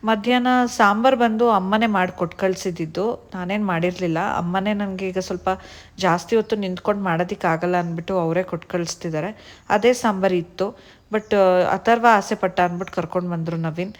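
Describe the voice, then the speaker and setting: A woman's voice: mid-range voice, steady tone, fairly quick. A young adult woman and mother narrating a casual family vlog in a chatty way, dropping English words into her talk.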